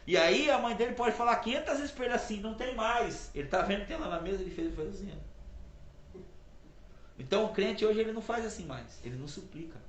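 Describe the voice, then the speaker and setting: Male preacher, higher voice, chatty and emphatic, roomy reverberant recording. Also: animated, fairly quick, a little hiss or hum. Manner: conversational, repetitive, emphatic preaching. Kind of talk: informal sermon. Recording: roomy echo.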